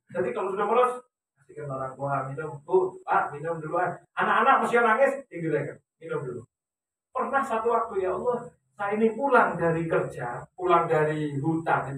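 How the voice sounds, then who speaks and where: High-voiced preacher in an echoey hall. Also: male voice, a little hiss or hum. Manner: animated storytelling, asks the audience questions. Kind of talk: Islamic religious talk. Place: religious gathering hall. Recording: echoey hall, distant mic.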